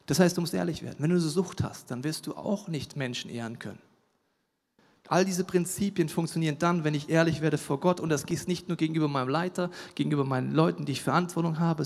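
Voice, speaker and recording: A man preaching a sermon with emphasis, swinging from loud declaiming to hushed, intimate asides. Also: fairly high pitch, creaky. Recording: long hall reverb.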